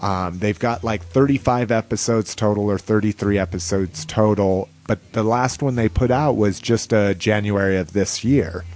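A man's voice: lowish voice, moderate pace, hardly any pauses, darkish tone. A man hosting a podcast with casual, rambling, informal fan talk. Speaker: podcast host.

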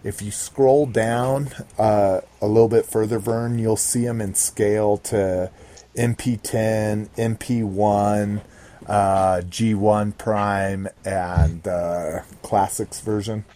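A man's voice: lowish voice, steady tone, slow pace, mellow. A man hosting a podcast in casual hobby chat, rambling and swearing freely. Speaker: podcast host.

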